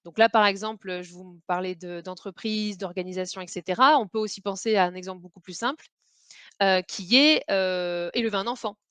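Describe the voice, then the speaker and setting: A woman's voice: mid-range voice, a little fast, a bit bright, smooth, dry recording. Woman doing an online talk, chatty, lots of ums, mic sounds dry and close. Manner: conversational and hesitant, with frequent filler sounds. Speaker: presenter on facilitation. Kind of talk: online webinar presentation.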